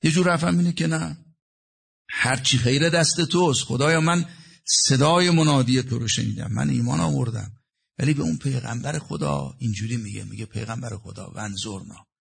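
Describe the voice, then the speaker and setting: A man preaching a religious sermon in a gravelly, husky voice. He quotes Arabic verses and unpacks them in everyday speech. His delivery swings between hushed passages and raised, emphatic ones. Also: a little high. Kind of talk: religious sermon with Quranic recitation.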